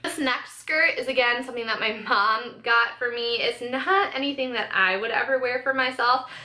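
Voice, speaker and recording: Young woman vlogger, chatty and upbeat, bright sharp voice, echoey room. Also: fairly high pitch, normal speed. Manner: chatty, upbeat, filler-heavy. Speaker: fashion and beauty vlogger. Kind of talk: casual clothing haul chat. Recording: echoey room with faint hiss.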